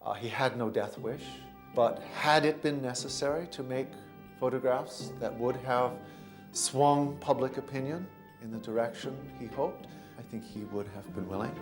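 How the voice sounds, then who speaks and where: A man's voice: medium pitch, normal speed. Man being interviewed, thoughtful and hesitant, lots of uhs, faint music under. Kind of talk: documentary interview.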